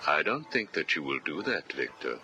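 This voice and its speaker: A man's voice: very deep voice, very animated, moderate pace, pushed and bright, soft background music, heavily acted. An actor playing a cold, manipulative male interrogator who asks clinical, probing questions, heard as a cassette tape recording. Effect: played back from a cassette tape recording. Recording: hissy cassette tape playback.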